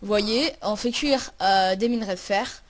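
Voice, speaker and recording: A woman's voice: medium pitch, normal speed. A woman hosting a casual game tutorial, chatty and full of hesitations. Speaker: tutorial host.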